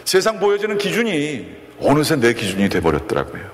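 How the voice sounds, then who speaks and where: A man preaching a sermon as a pastor, telling a story and acting out a coach's shouted encouragement. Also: on the high side, huge pitch swings, brisk. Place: church sanctuary. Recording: long reverb of a church hall.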